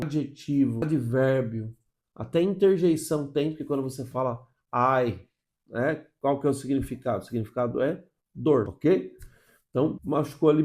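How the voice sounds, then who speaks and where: A man's voice: mid-range voice, darkish tone. A man from Brazil with a Brazilian Portuguese accent, teaching English pronunciation in an explanatory online lesson. He keeps checking in with short tags and asks and answers his own questions. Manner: didactic, checks in with frequent "tá?" and "ok?" tags.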